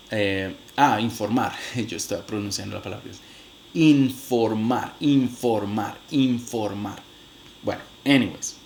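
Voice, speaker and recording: A man's voice: mid-range voice, slight background noise. A man giving a recorded phonetics lecture, demonstrating sounds aloud and talking straight to his viewers, with frequent hesitant restarts. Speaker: phonetics teacher.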